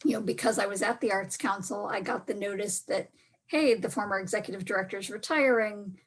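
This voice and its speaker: Husky-voiced woman arts administrator. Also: medium pitch, brisk, rough recording. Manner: steady and modest, frequent ums. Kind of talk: casual panel discussion. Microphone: video call.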